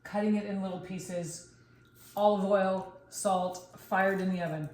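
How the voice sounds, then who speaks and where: A woman's voice: medium pitch, steady tone, a little slow, darkish tone. A woman hosting a casual cooking vlog from a kitchen, talking with gushing enthusiasm about her cafe's food. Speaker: cafe owner and cooking video host. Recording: echoey room, faint noise.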